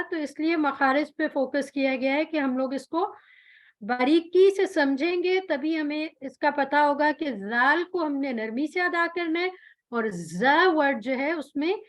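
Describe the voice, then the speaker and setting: Female recitation teacher, high and slow, patient explainer who lingers on each letter sound. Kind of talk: tajweed pronunciation lesson.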